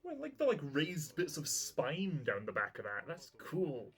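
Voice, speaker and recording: A man hosting a reaction video, chatting casually as he watches and thinking aloud, sometimes breaking into loud excited shouts. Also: on the high side, a little slow, breathy edge. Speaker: reaction channel host.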